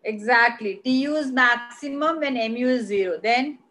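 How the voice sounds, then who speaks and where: High-voiced Indian woman teaching a class. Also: moderate pace, pushed and bright. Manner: instructive, repeats phrases for emphasis; switches between English and Hindi. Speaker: economics teacher. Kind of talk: online class teaching, question and answer. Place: online video call class.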